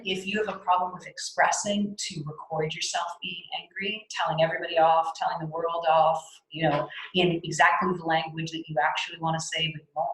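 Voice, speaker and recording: Low-voiced woman leading a spiritual talk. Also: reverberant, rough recording. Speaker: spiritual workshop facilitator. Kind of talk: guided teaching on a video call. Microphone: video call.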